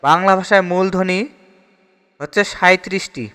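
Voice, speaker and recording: High, clear-voiced man drilling grammar answers. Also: moderate pace, long reverb tail. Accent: Bangladeshi Bengali. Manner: steady question-and-answer drilling, repeats answers. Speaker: teacher solving exam questions. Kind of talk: exam-prep grammar lesson.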